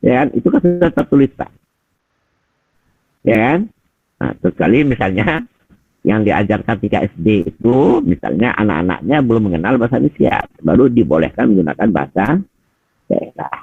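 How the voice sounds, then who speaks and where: This middle-aged man, a teacher trainer, speaks at normal speed in a fairly low, husky voice with big pitch swings, pausing often. His feedback over the tinny video call is conversational, directed at Pak and Bapak Ibu and full of rhetorical questions, with no room sound.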